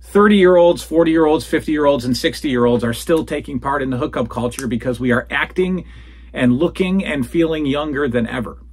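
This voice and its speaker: This solo host, a man in his forties, has a husky voice on the high side and speaks at a moderate pace. Surrounded by retro toys and posters in his den, he rambles casually through listener questions and calls everyone folks.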